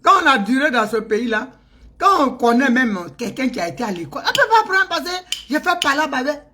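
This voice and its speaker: Woman, Ivorian French accent, middle-aged, mocking vlog rant, frequent laughter, bright forceful tone. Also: high voice, fairly quick. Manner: teasing, laughs often, animated. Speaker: vlogger.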